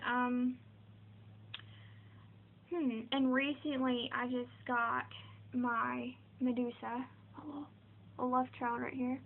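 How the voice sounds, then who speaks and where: Casual young female vlogger, slightly high voice, hesitant and rambling, narrow phone-like sound. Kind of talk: casual chat to camera. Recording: muffled, phone-like narrow-band audio.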